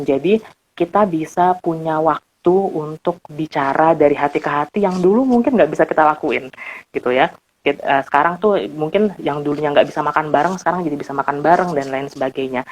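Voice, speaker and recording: A man's voice: fairly high pitch, rough recording. A man, a guest expert on a live stream, explaining family communication in a chatty way with many fillers and little laughs, over a phone or video call. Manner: chatty, many fillers and small laughs, acts out quoted speech.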